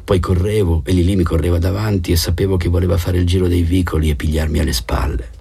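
A man reading a novel aloud in a calm, measured narration. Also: deep voice, vocal fry, husky. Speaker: audiobook reader. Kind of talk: scripted narration.

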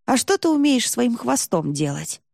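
A woman's voice: a little high, moderate pace, gravelly, no room sound, clean studio sound, pitched above the performer's own voice, full character voice. A woman playing a brash, cheeky girl archer. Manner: brash, excited, joking.

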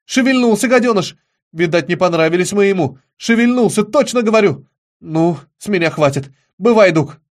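Man doing a shrill, panicky young boy. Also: brisk. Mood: alarmed. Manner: shrill, alarmed outbursts. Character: frightened excitable young boy.

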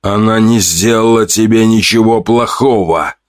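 A man's voice: lowish voice, unhurried, dry recording, studio quality, voice pushed up, close to an everyday voice. A man voicing a beaten, weary man pleading for a girl's life in an audiobook. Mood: urgent. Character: desperate battered man pleading for a girl.

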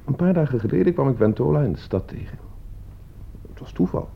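In an old radio play, an actor voices a cool, calculating man staging a deadly experiment, calm and narrating with composed, provocative deliberation. His medium-pitched voice is creaky, slightly rough, fairly quick and lively in intonation. The recording is dull and muffled.

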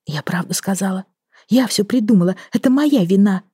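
Brief: female narrator voicing young woman confessing, breathless, pleading, pitched up. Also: a little fast, dark tone, husky, no echo, clean studio sound, close to an everyday voice. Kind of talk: audiobook reading.

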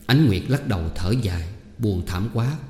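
A man reads a novel aloud in a steady, measured way. His tone is mellow and dark. The room echoes, with a long reverb tail. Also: lowish voice, faint music behind. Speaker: audiobook narrator. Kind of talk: scripted narration of a novel. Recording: roomy hall with long reverb.

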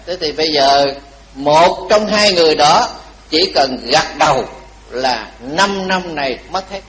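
A man's voice: a little high, rough recording. A man, a Buddhist monk giving a dharma talk, telling a story animatedly and teasing his audience with questions.

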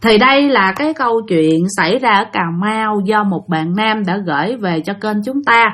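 A woman's voice: medium pitch, animated, moderate pace, a bit bright. Chatty Southern Vietnamese woman telling ghost stories. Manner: chatty, addresses listeners directly. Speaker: storyteller host. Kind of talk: casual spoken ghost-story narration.

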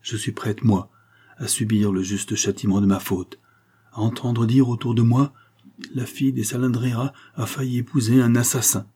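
A man's voice: medium pitch, fairly even intonation, moderate pace, dark tone, husky, natural voice. A man reading the part of a proud young noblewoman in distress, pleading with impassioned dignity in an audiobook. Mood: proud, anguished.

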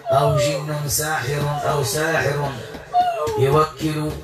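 A man's voice: a little high, little pitch movement, takes it slowly, loud music behind the voice. A man working as a Quran healer, speaking in a commanding, coaxing way to a possessed patient during an exorcism session. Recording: echoey room, far from mic, loud noise.

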